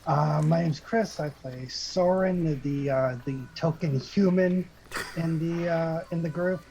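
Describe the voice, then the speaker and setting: A man introducing himself casually as a tabletop game player, speaking haltingly. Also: on the high side, creaky, mellow, a little hiss or hum. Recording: dull, lo-fi microphone sound.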